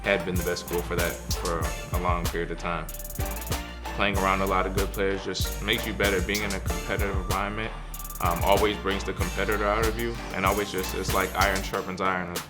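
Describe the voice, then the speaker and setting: A young man, a college wide receiver who grew up in Ghana, speaking relaxed in a feature interview with many ums. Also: low-pitched, fairly quick, over loud music. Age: young adult. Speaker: college football player.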